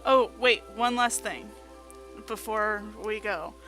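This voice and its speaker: A woman playing her cleric at a tabletop game, playful and quick to laugh. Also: medium pitch, fairly bright tone, soft background music. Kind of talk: casual tabletop game play.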